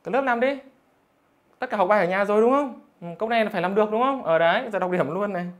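A male math teacher with a voice that sits high talks at a quick pace as he reads out students' scores during a live online lesson. He's teasing and jokey, and keeps asking "được chưa?".

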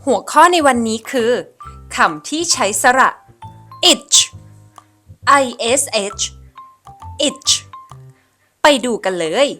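A woman teaching phonics in a scripted voice-over. Her voice sits a little high and swings in lively melody, while her pace stays slow and deliberate. Faint music plays behind her as she carefully sounds out and repeats each word.

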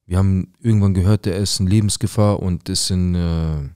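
A man's voice: sits low, steady tone, moderate pace, dark tone, clear, resonant tone, no room sound, studio quality. A young man telling a dramatic true story in casual, slangy street talk, speaking to his viewers.

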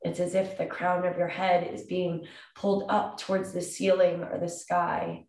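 A woman in her thirties leads a calm grounding meditation, giving soothing instructions with long pauses between phrases. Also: on the low side. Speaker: meditation guide. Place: indoor room with wooden floor and plank wall. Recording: roomy echo, distant microphone.

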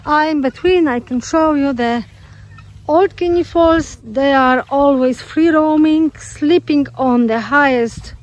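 A farm tour from Australia, filmed on a phone while walking: the homesteader moves through her rural garden past the poultry. Her high voice is slow and relaxed, full of fillers and a turn of phrase.

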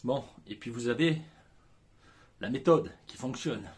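Middle-aged guy coaching tapping, lively and punchy, pitch jumping around a lot. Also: a little slow, slightly rough. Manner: animated, emphatic, colloquial. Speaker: EFT coach. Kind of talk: energetic video coaching.

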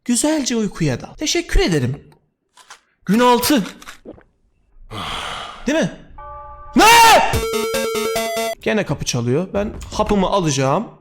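A young man giving excitable horror let's-play commentary, talking to himself, swearing and yelping at scares. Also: high-pitched, slow, pauses often. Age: young adult. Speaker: gaming YouTuber. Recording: game music playing behind.

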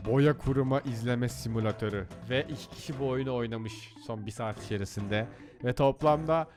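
A man commentating as he plays computer games, excitable and jokey, often shouting at the game. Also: medium pitch, fairly quick, music in the background. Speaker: gaming YouTuber. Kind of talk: let's play commentary.

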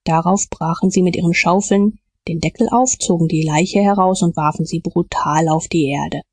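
A woman reading an audiobook as narrator in calm, measured storytelling. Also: on the low side, breathy edge, no room sound. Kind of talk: scripted narration.

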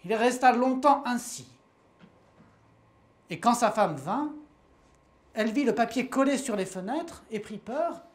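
A woman's voice: a little high, lively intonation. Woman reading a short story aloud. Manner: measured storytelling with repetitions. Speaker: reader.

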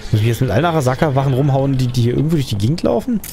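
A man narrates his own video game session in a loose, thinking-aloud way. He wanders between thoughts and often ends with a questioning tag. Quiet game music plays faintly behind his voice. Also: medium pitch, animated, very fast, creaky. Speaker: let's play gamer. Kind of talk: casual gameplay commentary.

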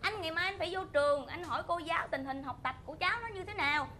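A woman in a sitcom who speaks in shrill exclamations. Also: racing, sharp tone, a little hiss or hum. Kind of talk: sitcom acting.

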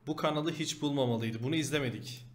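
A man's voice: fairly high pitch, quick pace, a little hiss or hum. A man streaming live, reacting casually and chatting with his viewers.

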